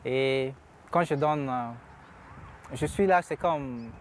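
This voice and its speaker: A man's voice: medium pitch, slow, a little hiss or hum. A young man speaking earnestly in a documentary interview as a newcomer youth, with a few hesitant fillers.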